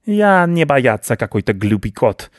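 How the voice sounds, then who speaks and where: Haughty and blustering, the rat baron in this storybook reading is a pompous, vicious male who mangles his grammar, voiced by a man with a medium-pitched, lively delivery at a moderate pace. He raises the pitch above his own natural voice but keeps it natural. It's a dry, studio-quality recording.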